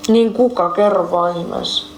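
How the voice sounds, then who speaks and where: A woman's voice: medium pitch, noisy background. A woman live-streaming, talking to her chat in a heated, profane way and arguing back at them. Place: outdoors in a public place.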